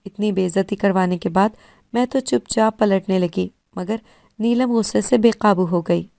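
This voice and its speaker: A woman reads a first-person moral story in a steady, scripted way. Her voice is soft and mellow. It is recorded close and dry, with no room sound. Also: medium pitch, vocal fry, no echo.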